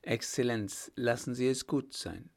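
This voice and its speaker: A man reading an audiobook, voicing a young woman who speaks earnestly and pleads softly. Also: mid-range voice, a little slow, vocal fry. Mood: pleading.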